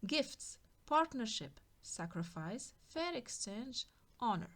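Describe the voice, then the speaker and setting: A woman's voice: a little high, very animated, slow, fairly bright tone. A woman giving a spiritual tarot reading, musing and repeating herself, now and then dropping into a whisper. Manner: musing, repetitive, drops into whispers. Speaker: tarot card reader.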